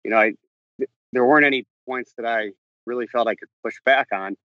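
A man with a mid-range voice answers interview questions as a novelist guest while walking around outdoors on a campus. His speech is halting, with frequent restarts and self-corrections as he paces. The recording is dry and lo-fi.

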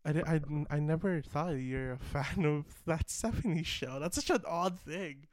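A man's voice: a little high, moderate pace, dry recording, studio quality. A young man co-hosting a casual podcast chat, teasing his friend, laughing often and restarting his sentences. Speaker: podcast co-host.

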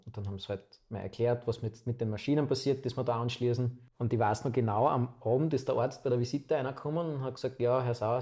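Man, 20s, Austrian accent, warm mellow tone, chatty storytelling, interview guest. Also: medium pitch. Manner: chatty, relaxed anecdotal storytelling.

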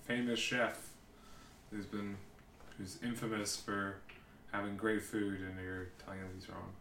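A man with a lowish, flat voice chats in an offhand way, and his tone sounds bright and sharp. The room is echoey, with faint ambience behind him. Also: measured pace, creaky, a little hiss or hum. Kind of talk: casual chat.

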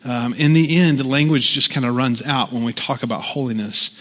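A man's voice: medium pitch, a little fast, a bit bright, in a large hall. A man preaching a sermon, conversational with frequent "right?" asides. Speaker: pastor.

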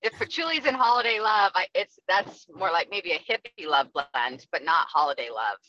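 A woman's voice: lowish voice, animated, moderate pace, pushed and bright, slight background noise. A woman in her forties chatting upbeat on a live stream. She is calling in on speakerphone from her car, and the line breaks up and sounds slightly robotic. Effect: calling in on speakerphone while driving, breaking up and slightly robotic. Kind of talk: casual live-stream chat. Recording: dull lo-fi call audio.

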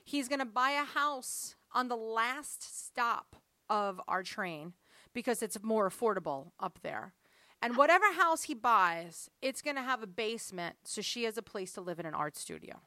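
A woman in her forties chatting casually, an animated storyteller acting out her family's lines. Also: a little high, moderate pace, dry recording. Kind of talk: casual chat.

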